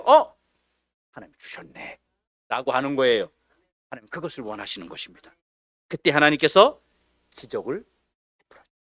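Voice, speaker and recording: A male pastor preaching a sermon, rising to urgent emphasis and dropping to quieter asides. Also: sits high, no echo, studio quality.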